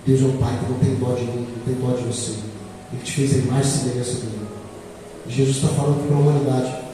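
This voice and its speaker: A man in his forties preaching a sermon as pastor, swinging between quiet reflection and loud emphasis. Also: mid-range voice, little pitch movement, fast talker, noisy background. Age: 40s. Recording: echoey hall from far off.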